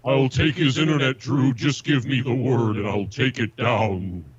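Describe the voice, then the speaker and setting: A man caller talking through a voice changer, making mock-menacing, deadpan offers in joking call-in banter. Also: medium pitch, a little slow, muffled recording.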